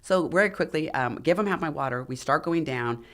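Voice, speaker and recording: Animated woman telling a climbing story. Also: low-pitched, fairly quick. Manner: animated, acts out the dialogue of others. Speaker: podcast guest, former figure competitor and mountaineer. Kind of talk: storytelling in a casual interview.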